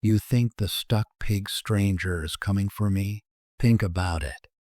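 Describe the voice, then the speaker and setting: A man's voice: lowish voice, darkish tone, dry recording, studio quality, natural voice. A man voicing a cruel, sleep-starved killer in a horror story, with a taunting, menacing manner. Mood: boastful menace. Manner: taunting, menacing, drawn-out repetition. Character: murderous, sleep-starved criminal, gloating and cruel. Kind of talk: acted dialogue in horror storytelling.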